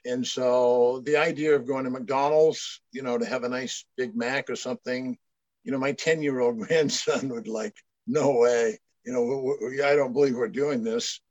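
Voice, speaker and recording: A man's voice: medium pitch, steady tone, normal speed, darkish tone, dry recording. An older man from Maine, a guest telling stories in casual chat, rambling with many restarts. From Maine, USA. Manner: rambling storyteller with frequent restarts. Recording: dull lo-fi dry sound.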